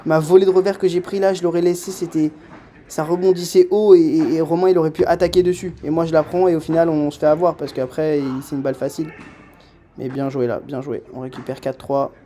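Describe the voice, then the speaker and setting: A young man doing a voice-over commentary on his own padel match, self-mocking and excitable, swinging from muttering to shouting. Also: on the high side, fairly quick, slight background noise.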